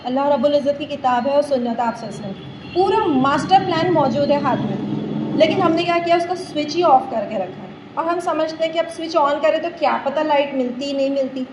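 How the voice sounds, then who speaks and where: A woman's voice: high-pitched, a little mellow. A woman life coach giving a talk on mental health to a group, explaining with everyday analogies and often checking whether listeners understand. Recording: echoey room, faint background noise.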